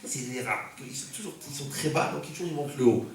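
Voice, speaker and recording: Gravelly rabbi preaching in an echoey hall. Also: male voice, medium pitch, quick pace, distant mic. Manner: joking, punchy, rhetorical questions to the audience. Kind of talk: humorous sermon to a congregation. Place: community center hall. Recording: echoey hall recorded from afar, faint noise.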